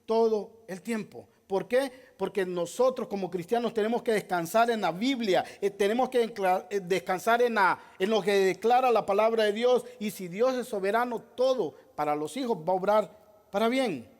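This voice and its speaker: A man's voice: high voice, normal speed. A male pastor preaching a sermon, emphatic, firing rhetorical questions at the congregation and repeating key phrases. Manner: repeats key phrases, addresses listeners as brother.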